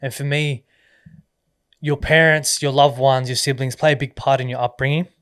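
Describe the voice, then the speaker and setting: A man of middle pitch hosting a podcast, recorded in a dry, close space. He asks his questions in an easygoing way, building them up slowly. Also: steady tone, fairly bright tone, clear, resonant tone, no echo. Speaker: podcast host. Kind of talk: conversational interviewing.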